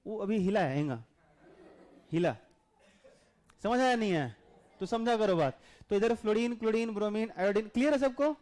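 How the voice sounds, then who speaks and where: A man's voice: sits high, expressive, darkish tone. A man teaching a class chemistry lesson, patiently repeating questions to the class and drawing out lists of names. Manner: drawn-out enumerating of names.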